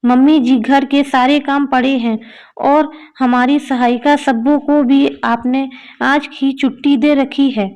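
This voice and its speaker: Shy polite new bride done by a woman narrator, high and slow, kinda hesitant. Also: steady tone, a little mellow.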